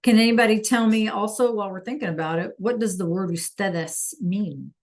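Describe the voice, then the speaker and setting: A woman's voice: medium pitch, brisk. A woman teaching a Spanish lesson online, patiently checking in with her students and praising answers from the chat.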